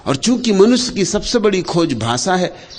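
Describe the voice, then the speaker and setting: A man giving a spiritual discourse, speaking slowly with long pauses, dropping to soft low phrases and rising to loud emphatic ones. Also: very animated. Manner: slow, unhurried delivery with long pauses and lists. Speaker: spiritual teacher.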